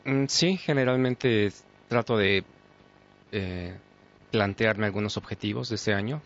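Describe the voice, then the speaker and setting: Low gravelly flat-voiced man on radio. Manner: measured, hesitant, many restarts. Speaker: radio co-host. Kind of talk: casual radio chat. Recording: dull lo-fi radio sound.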